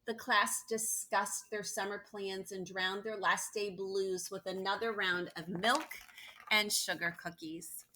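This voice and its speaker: A woman's voice: medium pitch, takes it slowly, slight background noise. A woman reading a picture book aloud as a teacher would, expressively, with emphatic stresses and personal asides to her young listeners. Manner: animated storytelling with emphatic stresses and playful questions to listeners.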